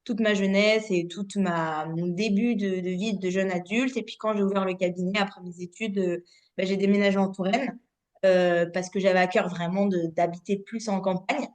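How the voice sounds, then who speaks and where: On a relaxed podcast, an osteopath in her late twenties from the Paris region shares her story at a normal speed in a medium-pitched voice. Her talk is lively and chatty, with plenty of fillers and false starts.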